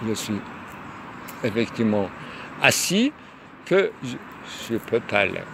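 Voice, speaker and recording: A man musing aloud in a rambling monologue, hesitant and full of pauses and fillers, outdoors near a tunnel. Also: fairly low pitch, sing-song, gravelly. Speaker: lecturer. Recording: loud traffic noise behind.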